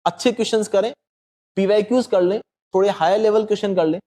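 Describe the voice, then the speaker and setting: High-voiced man explaining math. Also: fairly even intonation, fast, mellow. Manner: explains patiently, addresses host as sir. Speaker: quant teacher. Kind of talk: explanatory panel talk.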